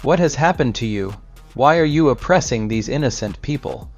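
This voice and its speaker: A man voicing a pious old man who stays calm and firm in his faith, read storybook-style. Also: mid-range voice, moderate pace. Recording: slightly dull recording with soft music.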